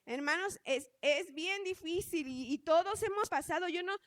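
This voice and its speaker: A woman's voice: very high voice, normal speed, dry recording. A woman preaching a sermon in an earnest way, often calling out to her congregation as brothers.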